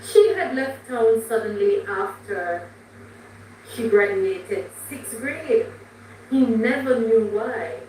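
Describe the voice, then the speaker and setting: A woman storyteller reads a short inspirational story slowly, her fairly high voice rising and falling with a lot of expression. She sounds far from the mic in a strongly echoing room, with faint noise underneath. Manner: slow, gentle, expressive reading. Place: room, live stream.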